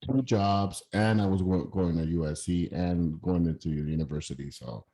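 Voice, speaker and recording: A man with a low, mellow voice, hoarse and worn from being sick. He co-hosts a relaxed podcast chat, trading easygoing banter with an old friend. He sounds like he is on a video call. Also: moderate pace. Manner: laid-back, defensive banter. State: sick with a sore throat. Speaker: podcast co-host. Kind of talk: casual chat.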